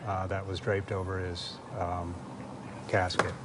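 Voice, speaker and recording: Guy chatting as parade commentator, reflective, kinda halting, noisy behind him. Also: sits low, monotone.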